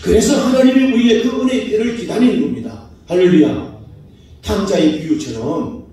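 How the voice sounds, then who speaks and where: A man's voice: high-pitched, normal speed, mellow, far from the mic. Man preaching in an echoey hall. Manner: preaching with rhetorical questions and acted quotes. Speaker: pastor. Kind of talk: sermon. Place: church sanctuary.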